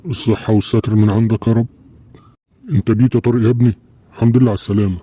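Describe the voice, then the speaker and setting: A man's voice: on the low side, fairly even intonation, rapid-fire, warm tone, close to an everyday voice. A man playing a fretful old Egyptian grandfather. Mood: worried. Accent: Egyptian Arabic. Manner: pleading, fretful. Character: worried old grandfather, stubborn and protective. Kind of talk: Egyptian cartoon dub acting.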